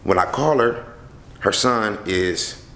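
A young man telling a story casually to a handheld camera in and around his house, slangy and animated, acting out the people he quotes. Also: lowish voice, slow pace. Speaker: vlogger. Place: house interior and front porch. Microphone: handheld camera close to face.

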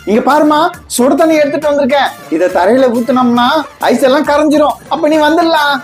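A woman's voice: high-pitched, brisk, faint music behind, close to an everyday voice. A woman playing a teasing, fussy father who scolds his little daughter in a comedy skit. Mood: flustered. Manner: teasing, then flustered and panicky.

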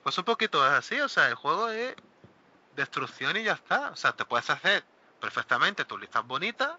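A man hosting a casual hobby talk show, animated and exclaiming, often acting out what other players say. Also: on the high side, normal speed. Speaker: host of a miniature wargaming talk show. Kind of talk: casual panel chat. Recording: dull lo-fi recording.

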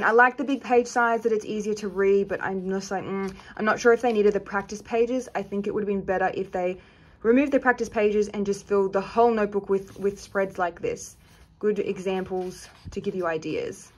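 A woman giving a casual review with frank, chatty opinions that she often hedges. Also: mid-range voice. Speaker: planner reviewer.

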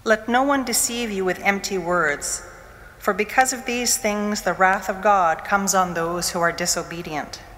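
A woman's voice: mid-range voice, unhurried, fairly bright tone. Woman reading scripture in a reverberant church. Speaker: lector. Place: church, at the lectern. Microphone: gooseneck lectern microphone.

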